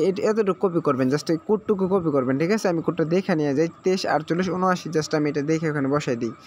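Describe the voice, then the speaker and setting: Fast-talking man guiding a tutorial. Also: on the high side, a little hiss or hum. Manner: repetitive step-by-step instructions, frequent check-ins; mixes English words into speech. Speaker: tutorial host. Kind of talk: screen-recorded app tutorial.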